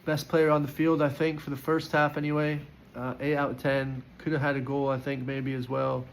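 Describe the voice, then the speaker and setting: Man, casual football reaction, opinionated, rambling with fillers, mid pitch, faint background hiss. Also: level tone, moderate pace, poor audio. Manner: chatty, opinionated, lots of fillers and restarts. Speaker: football fan giving player ratings. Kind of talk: casual post-match reaction.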